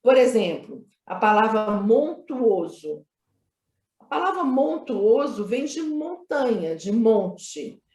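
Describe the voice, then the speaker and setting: Talking slowly with a darkish tone and a higher voice, a film director from Minas Gerais, Brazil, is very animated as she discusses her creative choices in an interview. She stays emphatic, repeats phrases, and leans on tag questions, all in a roomy, echoey space.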